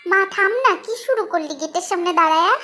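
A woman's voice: extremely high pitch, fast, pushed and bright, a little hiss or hum. A woman voicing a bossy but soothing village mother-in-law who scolds, then coaxes. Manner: scolding, then coaxing in dialect.

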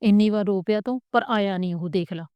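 A grumbling, doting old grandmother, as a woman reads her lines, scolding and tender by turns. The voice stays smooth and clear and is recorded dry and close. It is a storybook reading with soft muttered asides. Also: mid-range voice, brisk, no echo, highs cut off, natural voice. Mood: fussing, scolding.

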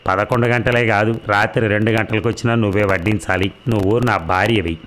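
A man voicing a middle-aged husband who moves from bitter complaint to shouted commands at his wife, in a low voice. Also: fairly even intonation, fairly quick, a little hiss or hum, close to an everyday voice. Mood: defiant. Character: aggrieved middle-aged husband turning defiant.

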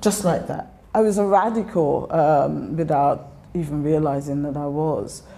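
An older woman from Guyana with a Guyanese accent, reflecting in a documentary interview, pausing and restarting often. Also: sits low, gravelly, warm tone. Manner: reflective, many pauses and restarts.

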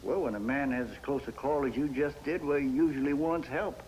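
An actor playing a shrewd, probing elderly lighthouse keeper in an old television drama, talking in a folksy, hesitant way. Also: male voice, mid-range voice, a little fast, darkish tone, natural voice, rough recording. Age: older. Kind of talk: 1950s television drama acting. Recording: old television recording with faint hiss.

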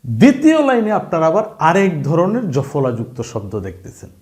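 The Bengali language teacher talks fairly quickly in a high, darkish voice with huge swings in pitch. During his online pronunciation and spelling lesson, he repeats each sound and rule and checks in with questions for the listener.

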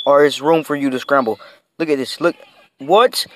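Excitable guy yelling over gameplay. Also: mid-range voice, fairly quick, no echo. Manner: excitable, yelling at the game, says "bro" constantly. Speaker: video game streamer. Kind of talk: casual gameplay commentary.

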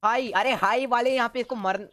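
A man giving excited let's-play commentary as a gaming YouTuber, teasing and ordering his teammates around. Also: extremely high pitch, normal speed.

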